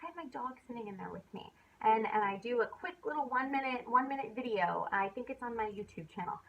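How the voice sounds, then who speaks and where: A woman's voice: fairly high pitch, animated, quick pace, vocal fry, a little hiss or hum. A young woman giving a casual sales training talk, chatty and full of fillers, sometimes acting out upbeat messages. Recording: dull lo-fi recording.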